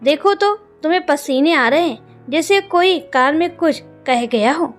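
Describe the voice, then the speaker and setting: Storybook part: teasing sister, playful and mocking, high pitch, read by a woman. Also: lively intonation, unhurried, soft background music.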